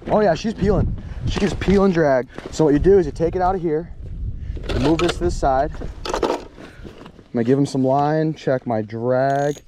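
A young man with a slightly high voice hosts a casual outdoor vlog. He talks into an action camera in a chatty, excitable way. A faint hiss of background noise sits under him. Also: moderate pace, pauses often. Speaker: host. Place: ice fishing shelter and open frozen lake, later a home kitchen. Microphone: handheld or body-worn action camera.

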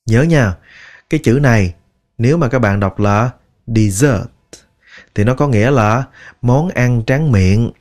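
A man teaching English pronunciation, drilling each word slowly and repeating it many times. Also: mid-range voice, darkish tone. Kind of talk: slow, deliberate pronunciation lesson.

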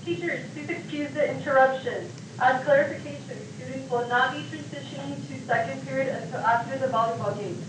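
Brief: woman's voice over a school intercom, high, polite and formal, booming off the room walls from a distant ceiling speaker. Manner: polite, measured, repeats key points. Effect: school intercom loudspeaker. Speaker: school announcer. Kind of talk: formal public announcement. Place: classroom, heard through a wall speaker. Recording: echoey intercom from far off, noisy.

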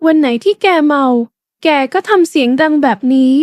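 A woman voicing a bossy, tipsy wife who loudly mocks her drunk husband by acting drunk herself, taunting him with a slurring, rowdy delivery in a dry storybook reading. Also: high voice, moderate pace, no room sound, close to an everyday voice. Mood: teasing.

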